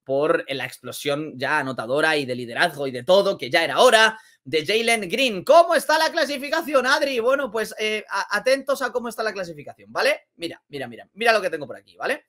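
A man with a Spain Spanish accent giving casual basketball commentary, energetic and exclamatory, repeating phrases for emphasis. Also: sits high, a little fast, hardly any pauses. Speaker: basketball vlogger.

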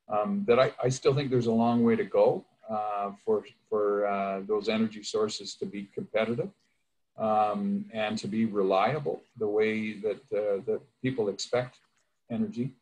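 A man in his sixties speaking on a panel over a video call from an office, deliberate and halting with repeats. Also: fairly low pitch, a little mellow, poor audio. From Canada. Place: office room.

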